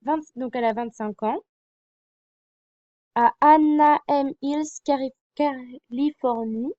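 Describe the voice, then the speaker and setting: A woman's voice: high voice, takes it slowly, warm tone, dry recording, highs cut off. Hesitant young french woman vlogging. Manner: hesitant, many fillers and apologies. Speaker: fan vlogger. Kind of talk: casual fan presentation.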